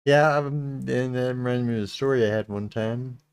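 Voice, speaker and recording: Slow and full of halting restarts, this middle-aged channel host with a Texas accent leads a casual livestream chat. His mid-range voice is clean and a little mellow, heard in a dry recording.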